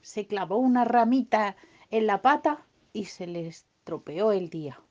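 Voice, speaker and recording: A woman telling an improvised bedtime story in a playful, lively way. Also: mid-range voice, unhurried. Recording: dull lo-fi recording.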